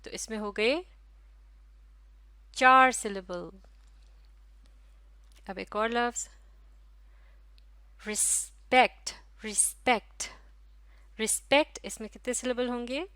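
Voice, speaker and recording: A woman teacher with a Pakistani Urdu accent giving a recorded lesson to young pupils, drawing out each word slowly so they can repeat it. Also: fairly high pitch, sharp tone, smooth, dry recording. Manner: slow, drawn-out pronunciation of words for repetition.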